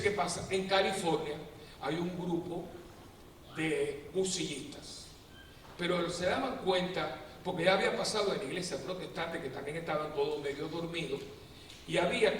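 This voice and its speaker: Animated priest in an echoey hall. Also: male voice, fairly high pitch. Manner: animated storyteller, acts out quotes with humor. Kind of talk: lively preaching talk to a prayer group. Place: parish prayer assembly hall. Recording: echoey hall, distant mic, faint noise.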